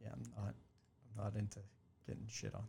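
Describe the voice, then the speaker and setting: A man's voice: fairly low pitch, completely flat delivery, brisk, gravelly, warm tone, breathy edge. A man co-hosting a casual podcast, laughing a lot and reacting bluntly with swearing. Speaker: podcast co-host. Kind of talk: casual chat.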